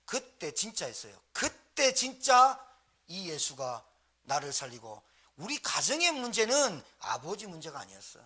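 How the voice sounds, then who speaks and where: Middle-aged pastor, fairly high voice, very animated sermon delivery. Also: male voice, moderate pace, slightly rough. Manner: animated, fires rhetorical questions at the congregation. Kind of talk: storytelling sermon. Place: church sanctuary.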